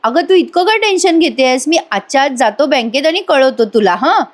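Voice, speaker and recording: A woman's voice: sits high, animated, normal speed, voice pushed up. A woman voicing a patient older father who reassures his daughter. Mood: soothing. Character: father Prataprao, older man, soothing.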